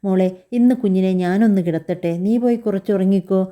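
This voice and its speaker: A possessive older grandmother in a spoken family story, read by a woman. She talks insistently and pleads when refused. The voice is very dark and mellow. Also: mid-range voice, fast talker, close to an everyday voice. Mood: coaxing.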